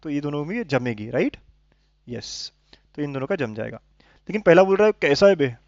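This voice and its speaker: A man's voice: on the high side, sing-song, moderate pace, a little mellow, no echo. Man teaching maths, coaxing tone. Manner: coaxing, keeps checking understanding with tag questions. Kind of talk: explaining lesson to students. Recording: dull lo-fi sound, dry.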